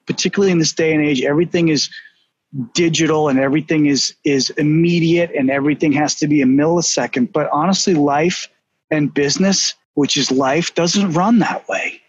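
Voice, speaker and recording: A man's voice: on the high side, breathy edge, no room sound. Boston man, casual business talk host, emphatic, dry and slightly muffled recording. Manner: storytelling, animated, emphatic. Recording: dull, slightly lo-fi.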